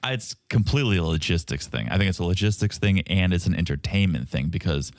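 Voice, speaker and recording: Podcast co-host, male, Boston accent, deep register with animated swings, wry and joking. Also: quick pace, dry recording, studio quality. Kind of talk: casual podcast banter.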